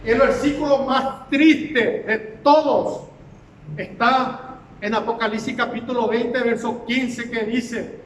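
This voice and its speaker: A man with a very high voice preaches with emphasis, driving his points home by repeating them. He sounds distant from the microphone. A long hall reverb trails each phrase, with faint noise underneath. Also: steady tone, takes it slowly. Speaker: pastor. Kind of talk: sermon.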